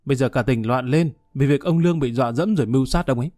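A man's voice: medium pitch, quick pace, dark tone, dry recording, studio quality, faint music behind, lightly acted. A man playing a two-faced company boss. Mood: raging. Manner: bellowing, then falsely polite.

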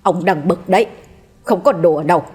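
A woman voicing a hot-tempered middle-aged man who scolds and curses gruffly. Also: fairly low pitch, lively intonation, normal speed. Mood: angry.

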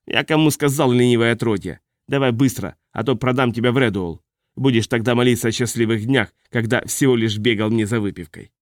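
A man's voice: medium pitch, a little fast, dry recording, clean studio sound, lightly acted. A man voicing a coarse, bullying, drunken middle-aged father who barks orders in a threatening tone. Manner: gruff, threatening.

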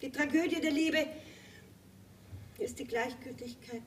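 An affected, worldly society lady who laughs through her confessions. Her voice sits high. It comes from a distance on a stage recording with faint noise. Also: expressive, normal speed. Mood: melancholy. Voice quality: theatrical, affected, laughing asides. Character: aging flirtatious society lady, theatrical, worldly. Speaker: Lady Kitty. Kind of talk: 1980s stage play recording.

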